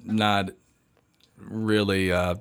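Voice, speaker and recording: Rambling young man, slightly low voice. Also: little pitch movement, drawn-out words, a bit bright, clear, resonant tone. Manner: rambling, many restarts and fillers, laughs often. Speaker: podcast guest, seminary student. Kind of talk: casual podcast conversation.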